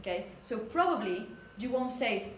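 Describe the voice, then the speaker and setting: A phonetics teacher, a woman with a slightly high and animated voice, lectures at a moderate pace, explaining example words, stressing them, and often asking her students questions to check understanding. The classroom setting is indoors, echoey, and noisy in the background.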